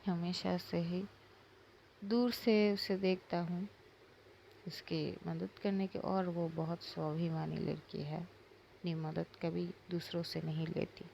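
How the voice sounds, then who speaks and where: A woman's voice: lowish voice, little pitch movement, slow pace, gravelly, warm tone, lo-fi sound, slight background noise. A woman playing a protective young man who speaks earnestly and soothes a crying child.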